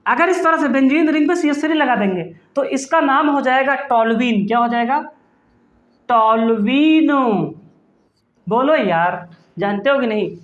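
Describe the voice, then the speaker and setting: A man's voice: extremely high pitch, lively intonation, moderate pace, echoey room, highs cut off. A male chemistry teacher giving an online class, playful and teasing, calling his students "beta" and answering his own questions. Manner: calls students "beta" affectionately.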